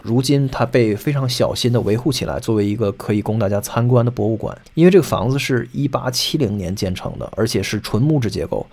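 A man's voice: medium pitch, darkish tone. A man hosting a solo podcast, explaining music at length and singing short snatches of songs to make his points. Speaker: podcast host.

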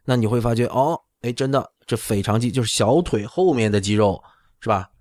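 Brisk and a little mellow, this mid-range male voice belongs to a middle-aged orthopedic doctor casually explaining things on a talk show. He keeps asking "right?" to check you follow. Chinese isn't his first language, and the recording is dry.

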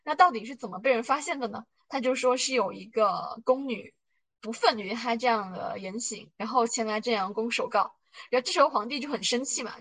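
Woman with a slightly high voice, rambling through a drama plot casually, lots of um and restarts. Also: fairly bright tone, rough recording. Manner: retells scenes chattily with frequent fillers and restarts; thinks aloud, guessing at hidden motives. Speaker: podcast host. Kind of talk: casual plot recap and analysis.

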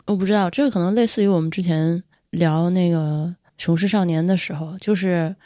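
Fast-talking chatty woman, dry sound. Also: on the low side, warm tone, no echo. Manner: chatty, opinionated, laughs easily. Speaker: podcast co-host. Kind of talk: casual chat.

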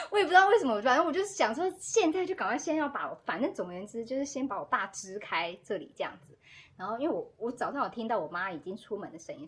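A woman, a podcast guest telling a story in casual chat, animated and quick to act out what people said. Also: on the high side, slightly rough. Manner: animated, acts out quoted dialogue, laughs often.

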